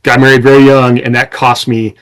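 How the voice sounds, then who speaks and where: A man co-hosting a casual panel podcast, who is also an author, offers practical advice in a self-deprecating, lightly amused way. His mid-range voice is level and clean, and he speaks fairly quickly.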